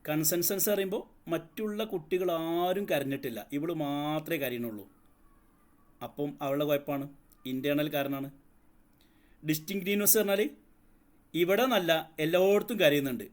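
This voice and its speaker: A man's voice: fairly high pitch, normal speed, pauses often. Man, psychology tutor, explains step by step, asks questions. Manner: explains step by step, asks the class questions, mixes in English terms. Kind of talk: lecture.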